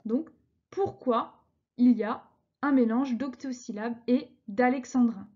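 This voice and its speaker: A woman's voice: fairly high pitch, takes it slowly, slightly rough, muffled recording. A woman teaching a recorded lesson, explaining verse patiently and reading lines syllable by syllable. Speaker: French teacher.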